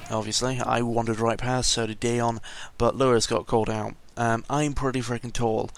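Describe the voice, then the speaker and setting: Through a noisy home microphone comes a medium-pitched, somewhat bright male voice: a seventeen-year-old British vlogger rambling casually in an audio log. He is hesitant and tangential, swears mildly, and sounds a touch under the weather.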